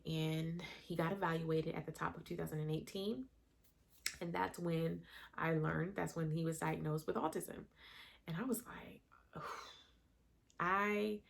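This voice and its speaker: A woman's voice: low-pitched, gravelly. A woman in her thirties telling a candid, emotional personal story in a conversational vlog. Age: 30s. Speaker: vlogger.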